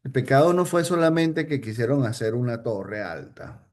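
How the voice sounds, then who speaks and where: A man's voice: medium pitch, animated, normal speed, a little mellow. A man teaching an informal Bible study, hesitant, with many fillers and restarts, often checking in with "ok?".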